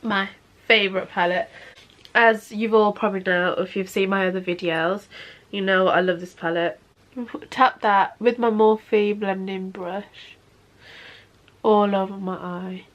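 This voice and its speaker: In a muffled recording, a sniffly woman in her twenties sits on her bedroom bed, talking through a makeup tutorial in a chatty, easygoing manner. She speaks a little slowly in a steady, medium-pitched voice and keeps saying "obviously."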